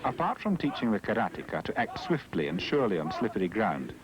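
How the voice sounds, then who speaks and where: A man narrating a scripted documentary in a calm, measured, earnest manner. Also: on the low side, a loud crowd, low-quality recording.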